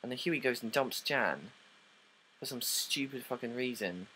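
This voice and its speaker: A man's voice: medium pitch, normal speed, pushed and bright, slight background noise, poor audio. A young man rambling through a casual, sarcastic review, swearing now and then. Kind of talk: casual play review vlog.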